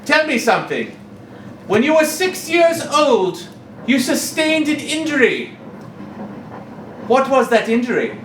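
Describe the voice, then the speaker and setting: A hammy player voicing a paladin, slow and high with lively swings. The sound is roomy and distant, with noise behind. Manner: theatrical, hammy. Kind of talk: improvised live role-play. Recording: roomy live theatre sound from far off with noise.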